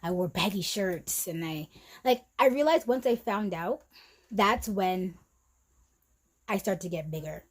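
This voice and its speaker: This emotional personal story vlog features a young woman with a medium-pitched, animated voice, speaking a little slowly and pausing often. Candid about a hard stretch, she repeats herself and comes near tears at times, with lots of fillers and restarts as she drifts soft and quiet. The recording is low quality.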